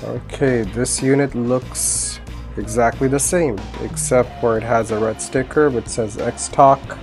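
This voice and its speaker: A man in his thirties, a gear reviewer and indie filmmaker, gives a relaxed product review full of asides. He talks slowly in a steady, mid-range voice over guitar-based instrumental music.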